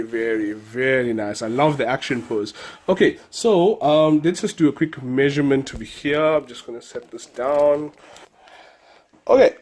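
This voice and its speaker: A man's voice: fairly high pitch, darkish tone. A man with a South African accent and a nasal voice from a cold, chatting casually through a collectible figure review, enthusiastic and given to repeating words.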